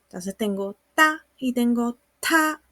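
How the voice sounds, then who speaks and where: A woman's voice: on the high side, lively intonation, sharp tone, no room sound. A woman, patiently explaining sounds and writing in a recorded online lesson. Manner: slow, patient explaining with examples. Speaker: Mandarin teacher.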